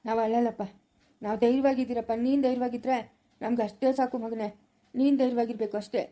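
A woman's voice: a little high, steady tone, quick pace, warm tone, close to an everyday voice. A woman acting as an aging father who soothes and reassures his son, repeating her comforts, in a family short drama. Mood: reassuring.

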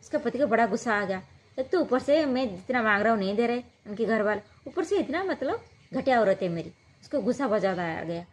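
A woman's voice: on the high side, animated, fairly quick. A woman telling a true-life story in a casual, rambling way. She uses lots of fillers and keeps asking "what happened next" as she goes.

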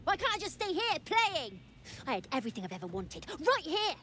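Lady doing a sulky little shadow kid, super high voice, bouncy, game music behind. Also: huge pitch swings, brisk, sharp tone, a little hiss or hum, full character voice. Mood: upset, defiant. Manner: petulant, childish pleading. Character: lonely shadow child boy, sulky and defiant. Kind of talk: video game voice acting.

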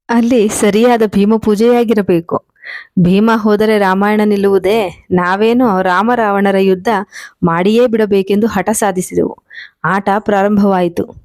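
A woman reading a humorous memoir-style story aloud in a lively storytelling manner. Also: mid-range voice. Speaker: audiobook reader.

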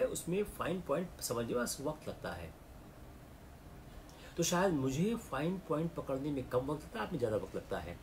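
A middle-aged man with an Indian accent, lecturing a class of exam candidates and switching into slow, careful English. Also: on the high side, a little hiss or hum. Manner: mixes English into the talk, slow and deliberate in English. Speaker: civil services exam lecturer.

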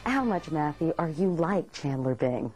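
A woman's voice: low voice, expressive, moderate pace, noisy background. A woman interviewing an actor for TV, teasing and playful. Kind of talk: casual interview.

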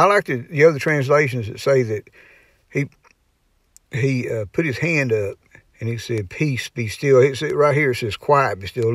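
A man's voice: medium pitch, no echo. Man, informal Bible teaching, folksy and rambling, dry recording. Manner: folksy, rambling, full of "you know" and restarts. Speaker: preacher.

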